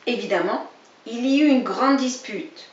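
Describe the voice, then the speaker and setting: A woman's voice: fairly high pitch, a little slow. A woman reading a children's story aloud, expressively, speaking directly to a child. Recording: dull, roomy, distant recording.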